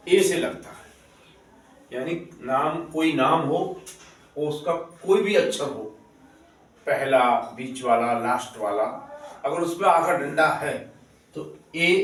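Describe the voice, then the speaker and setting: A man explains a spelling rule to children, going over each point again. His voice sits a little high and moves slowly. The sound is distant and very echoey, as if recorded from across a bare room. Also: a bit bright, a little hiss or hum. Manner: slow, patient, repeats explanations. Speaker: teacher.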